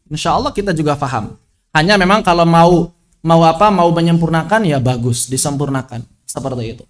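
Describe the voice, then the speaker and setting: A religious teacher with a high, slightly bright voice gives an online recitation lesson over a video call. He explains patiently, repeats key phrases, and shifts between formal instruction and casual asides.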